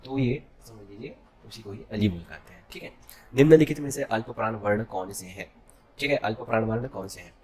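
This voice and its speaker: Low-voiced man drilling an exam class. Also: expressive, brisk, a little mellow, slightly rough. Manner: drills with self-answered questions and constant "okay?" checks. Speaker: teacher. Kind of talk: exam-prep classroom lesson.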